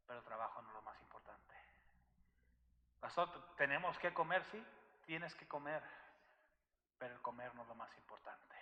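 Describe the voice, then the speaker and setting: A man's voice: medium pitch, highs cut off. A man preaching a sermon as pastor, telling a story and addressing the congregation as brothers. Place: church sanctuary. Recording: echoey church hall.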